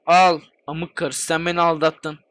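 A man giving excitable, swear-filled commentary while playing a game, hosting his own gaming channel. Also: fairly high pitch, unhurried. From Turkey. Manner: excitable, swears constantly, chatty. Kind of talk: let's play commentary.

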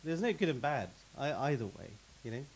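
A middle-aged panelist speaks briskly and very animatedly in a medium-pitched voice, answering into a handheld mic on a stage in a meeting hall with an audience. He's expansive, piling up examples and often repeating a word when starting. The recording is low quality, with a little hiss or hum.

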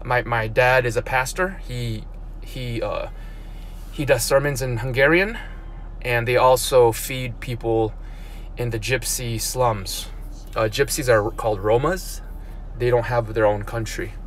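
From the seat of a parked car, a South Korean-raised blogger in his thirties rambles through a casual live-stream, holding the phone at arm's length over a faint ambient hum. His mid-range male voice is steady, a little slow and fairly bright, and he frequently restarts sentences or repeats words.

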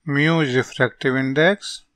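A man with a North Indian accent teaching as a physics tutor, working through solutions step by step in short, halting phrases as he dictates. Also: medium pitch, fairly even intonation, a bit bright, no room sound, clean studio sound. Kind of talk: step-by-step lesson, reading out worked solutions.

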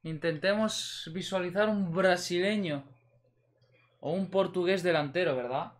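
A man's voice: sits high, a little slow. Young spanish guy opening fifa packs, slangy, swears a lot, talks to the chat, spain accent. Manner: slangy, swears freely, talks straight to viewers. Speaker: gaming video host. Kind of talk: casual pack-opening commentary.

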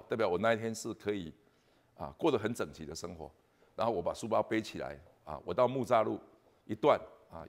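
Man, Taiwanese Mandarin accent, preacher, low voice, soft-spoken, halting, repeats words, church sermon. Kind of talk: Christmas sermon. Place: church service.

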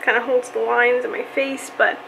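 Casting: woman beauty vlogger, chatty, a little high, slight morning roughness. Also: flat delivery, moderate pace, a bit bright, a little hiss or hum. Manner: chatty, with frequent likes and ums. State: morning voice, coughing. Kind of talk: casual makeup review vlog. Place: at home, later by a window.

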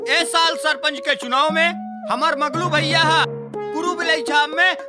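A man plays a sharp-tongued village campaign helper with a Chhattisgarhi accent, announcing and scolding. His voice is fairly high, and loud music runs under him. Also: fairly even intonation, unhurried. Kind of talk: village comedy drama acting.

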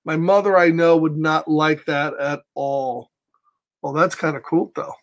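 A middle-aged American man, animated and exaggerated, reads a picture book aloud for a children's story time and adds chatty asides. His pitch is fairly high and his pace measured. He's indoors in a small home office.

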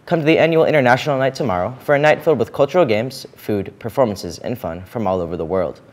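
Brisk teen boy news anchor. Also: mid-range voice. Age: teens. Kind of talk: reading announcements. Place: school studio, indoors.

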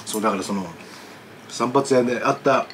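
A man's voice: mid-range voice, a little fast, fairly bright tone, a little hiss or hum. A man vlogging about food, chatting casually while eating and telling a rambling story with many asides.

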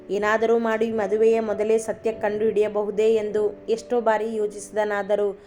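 A woman reading a family love story aloud as a storyteller, with feeling in the dialogue. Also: on the high side. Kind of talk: storybook narration. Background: soft instrumental music.

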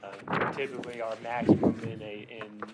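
A man in his thirties, a city planner, presenting a formal staff report from a podium in a council chamber, measured and procedural with occasional fillers. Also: fairly low pitch, little pitch movement, heavy background noise. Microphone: podium microphone.

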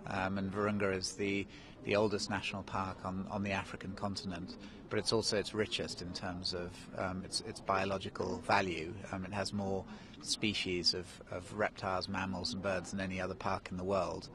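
Speaking at a normal speed in a deep voice with little pitch movement, a Kenyan-raised man in his forties hesitates through many ums and restarts. He's a national park director giving a live outdoor TV interview in the snow into a handheld mic held by the interviewer, with background noise present.

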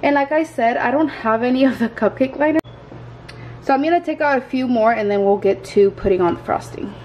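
Filming in a small indoor home kitchen, a young woman vlogs about home baking, chatting casually to viewers as she instructs. Her fairly high voice is brisk, informal and chatty, sometimes crude, and the lo-fi recording is clearly noisy.

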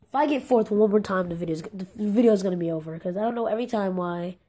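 A woman's voice: mid-range voice, fast talker, dark tone. A young woman giving casual commentary over a mobile game, exclaiming in frustration and rambling with many restarts. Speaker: gaming channel host.

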